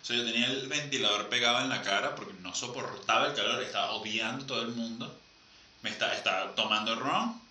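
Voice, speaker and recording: A man's voice: medium pitch, quick pace, bright, forceful tone, distant mic. A young man with a Venezuelan accent, joking and teasing in a casual chat. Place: lives in Argentina. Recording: roomy, off-mic with faint noise.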